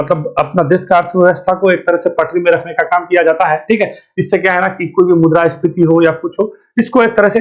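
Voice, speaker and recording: A man runs an exam-prep lesson. He fires off questions and answers them himself, dropping "thik hai" again and again. The recording is dull and lo-fi. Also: high-pitched. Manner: colloquial, keeps asking and answering his own questions with "thik hai". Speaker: current affairs teacher. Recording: dull lo-fi sound.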